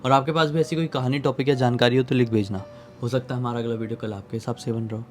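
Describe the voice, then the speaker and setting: A man's voice: medium pitch, steady tone, fast talker, faint music behind. A man hosting a horror story channel, closing the episode in a chatty sign-off. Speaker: channel host. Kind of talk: casual outro sign-off.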